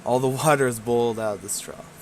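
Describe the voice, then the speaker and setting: A man reads game text aloud and adds casual, muttered comments as he plays. His voice sits at an ordinary middle pitch, with faint noise behind him. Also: fast talker. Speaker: let's play gamer.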